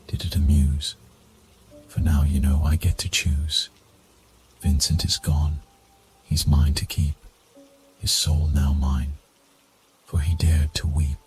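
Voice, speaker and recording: Man voicing a slow guttural gloating demon. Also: rumbling low, darkish tone. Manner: slow, gloating rhymed speech.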